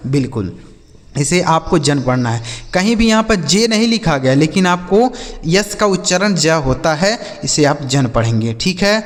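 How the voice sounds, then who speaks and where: A man with a Hindi accent teaching English spelling, spelling out letters slowly and asking questions that he answers himself. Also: high-pitched, in a large hall. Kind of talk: spelling lesson.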